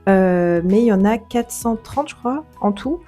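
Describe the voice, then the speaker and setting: A young woman chatting casually to camera on her book vlog, filling her talk with fillers and quick self-corrections. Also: mid-range voice, expressive, dark tone, faint music behind. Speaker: book vlogger. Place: holiday home on vacation.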